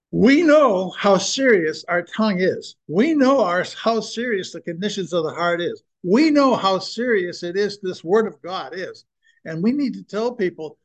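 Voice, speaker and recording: An older man with a high-pitched voice preaches earnestly and emphatically, sharing a personal testimony with his listeners.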